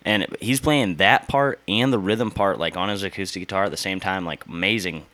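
A man's voice: deep voice, brisk, bright, forceful tone, dry recording. A man from Iowa, a guest in a studio chat, telling stories in a laid-back, slangy way with frequent laughs. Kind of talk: casual chat.

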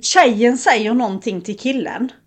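A young woman co-hosting a podcast, recounting a story with lively energy. Her voice sits a little on the high side, and she slips into the voices of the people in the story as she goes. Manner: animated retelling, acts out quotes. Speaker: podcast co-host. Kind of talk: casual storytelling chat.

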